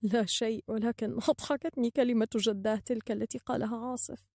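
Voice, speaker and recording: A woman voicing a timid old male sage who speaks in a hushed, fearful way and likes to tease. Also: on the high side, steady tone, brisk, no echo, studio quality. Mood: amused. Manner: hushed and fearful, given to teasing.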